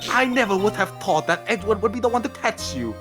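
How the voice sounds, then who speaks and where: A woman's voice: mid-range voice, expressive, fast. A woman playfully reading character lines with friends, laughing between them. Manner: playful, laughing, swoops into voices. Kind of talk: casual let's-play reading with friends. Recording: music playing underneath.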